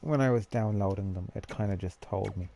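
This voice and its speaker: A man's voice: fairly low pitch, brisk, vocal fry, mellow. A man chatting casually to himself as he builds a character in a game, thinking aloud as he goes. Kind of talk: casual gameplay commentary.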